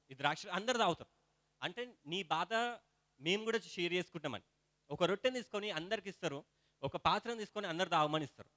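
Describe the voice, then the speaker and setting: A young man preaches a sermon, his voice sitting high for a man. He talks the congregation through scripture, then climbs to loud calls of hallelujah. The sound is dry and close. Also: no echo. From India.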